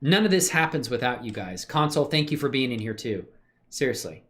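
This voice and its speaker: Showing off 3D animation on a casual livestream, this host has a mid-range, slightly bright voice and talks fairly quickly and animatedly. He chats with viewers in a relaxed, slangy, grateful manner, thinking out loud as he works.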